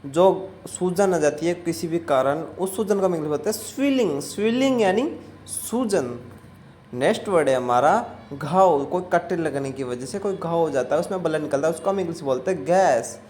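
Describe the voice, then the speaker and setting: A vocabulary teacher giving a word-by-word lesson in a steady, repetitive way, slowing down to repeat each word and its meaning. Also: medium pitch, a little hiss or hum.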